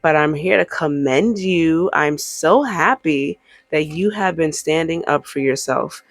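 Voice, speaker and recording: A woman's voice: sits low, a little slow, dry recording. A woman giving a casual, encouraging tarot reading straight to the viewer, talking in a chatty way with emphatic asides. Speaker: tarot reader.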